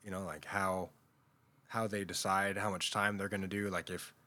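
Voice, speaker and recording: A man's voice: sits low, level tone, normal speed, sharp tone. A man co-hosting a podcast in casual chat, thinking aloud and musing over questions.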